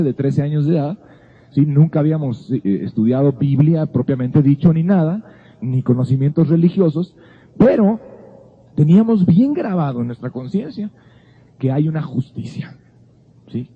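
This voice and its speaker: A man's voice: a little high, breathy edge. A man giving an earnest Bible teaching, telling a personal story in a conversational way. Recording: phone-like narrow sound.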